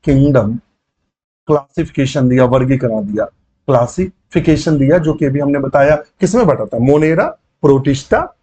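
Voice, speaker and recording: A man teaching a biology exam-prep lecture, explaining terms slowly, repeating key words and pausing with fillers as he writes. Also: mid-range voice, animated, dark tone, slightly rough, muffled recording. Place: online class setting.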